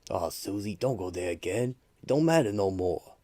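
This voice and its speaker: A man playing a gruff, warm-hearted tough-guy uncle in a comic-book radio play, slangy and plainspoken. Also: deep voice, expressive, normal speed. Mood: reassuring.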